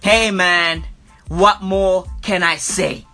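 A man with a bright, punchy voice delivers a taunting sports rant as a podcast host. He talks in heavy slang and hammers phrases by repeating them. Music plays behind him. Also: high-pitched, fairly even intonation, slow pace, gravelly. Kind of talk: animated sports fan rant.

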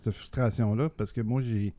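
Low, dark-voiced Québécois man. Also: fairly even intonation, moderate pace, dry recording. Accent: Québécois French. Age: middle-aged. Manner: rambling, many restarts and fillers, laughs often. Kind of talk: casual chat.

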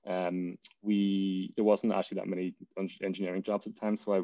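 A man with a Donegal, west of Ireland accent speaks in a low, dark voice with a level tone and fairly quick pace. As an interview guest and tech business founder, he talks casually about work and life, rambling as he thinks aloud. The recording is dry and muffled.

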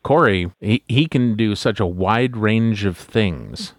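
A man hosting a podcast interview, talking in a relaxed, halting way. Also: on the low side, no room sound, clean studio sound. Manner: relaxed, halting, lots of fillers. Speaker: podcast host. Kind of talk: casual interview chat.

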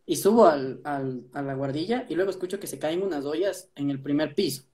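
A man with an Ecuadorian accent, telling stories in an animated casual chat, restarting his sentences often. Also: on the high side, brisk. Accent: Ecuadorian Spanish. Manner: animated storytelling, many restarts.

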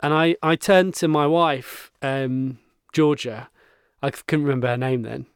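A man co-hosting a podcast, chatting casually about a film, self-mocking and quick to laugh. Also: mid-range voice, fairly even intonation, smooth, dry recording, clean studio sound. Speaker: podcast co-host. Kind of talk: casual film review chat.

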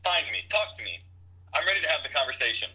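A man calling in over speakerphone, earnestly playing along in a comic call with a deadpan manner. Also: a little high, quick pace, low-quality recording. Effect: heard over speakerphone. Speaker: caller. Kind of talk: comic prank podcast call.

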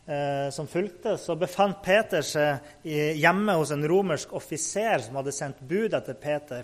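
Man retelling a Bible story. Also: a little high. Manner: unscripted retelling with fillers. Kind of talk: casual Bible story narration.

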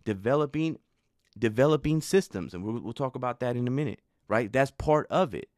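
A man hosting a show who tells stories in a rambling, conversational way, full of fillers, and gets animated when he recounts frustration. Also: medium pitch, a little fast, no echo, clean studio sound. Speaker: show host. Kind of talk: casual storytelling talk.

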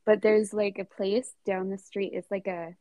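A woman's voice: mid-range voice, flat delivery, moderate pace, mellow, no echo. A woman hosting a casual podcast chat, giggly and full of "like" and "oh my God". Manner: chatty, giggly, lots of "like" and "oh my God". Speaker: podcast host.

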